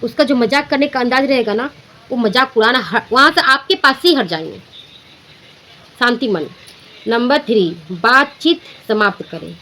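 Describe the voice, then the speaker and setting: A woman's voice: fairly high pitch, pushed and bright, low-quality recording. A woman giving an unscripted motivational talk with an earnest, instructive manner. She often repeats and restarts her phrases. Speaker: motivational speaker.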